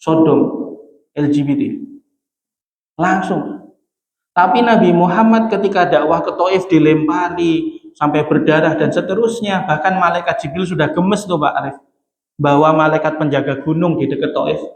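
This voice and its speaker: A man's voice: fairly high pitch, moderate pace, pauses often. A middle-aged man giving a conversational sermon, telling stories and acting out dialogue with chuckles. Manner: animated, acts out dialogue, chuckles at own jokes. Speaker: Islamic preacher. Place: large mosque hall. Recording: echoey mosque hall with long reverb.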